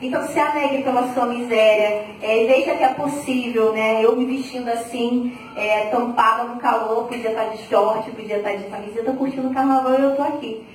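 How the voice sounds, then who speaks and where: Brief: high-voiced young woman, animated testimony, recorded far off. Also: normal speed. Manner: lively, chatty, acts out her own past reactions. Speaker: community member giving testimony. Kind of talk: personal faith testimony talk. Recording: very echoey, from far off, faint noise.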